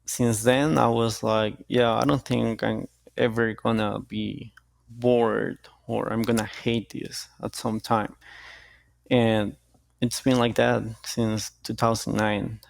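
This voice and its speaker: Gravelly-voiced young man in a dry interview. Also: medium pitch, dry recording. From Costa Rica. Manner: relaxed, halting, with restarts. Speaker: jiu-jitsu athlete, guest. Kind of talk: casual interview answers.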